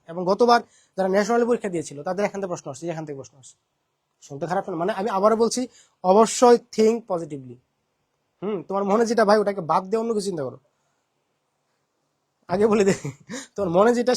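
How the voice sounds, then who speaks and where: A young man with a Bangladeshi Bengali accent teaching an admission-prep English lesson, asking questions and repeating his points. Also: high voice.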